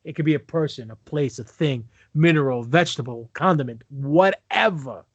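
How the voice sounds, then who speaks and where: A man's voice: medium pitch, fairly quick, darkish tone, no echo, highs cut off. Showman-style male podcast host, dry sound. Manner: playful, showman-like, explaining wrestling lingo. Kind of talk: casual chat.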